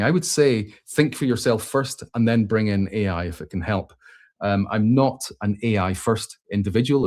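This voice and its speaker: His voice is lowish with a darkish tone as he hosts an informal question-and-answer show. Responding to comments, he thinks out loud, with many restarts and filler sounds.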